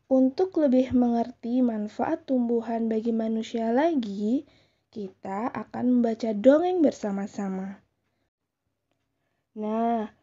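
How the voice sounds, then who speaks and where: Lady teacher doing a kids lesson, slow and clear, a bit high, muffled audio. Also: mellow. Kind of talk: recorded classroom lesson for children.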